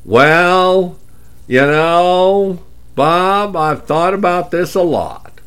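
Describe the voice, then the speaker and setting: A man's voice: high voice, very slow, a bit bright, clear, resonant tone, voice pushed up, exaggerated voice. A man putting on a complacent elderly retiree with a folksy Texan drawl. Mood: smugly folksy.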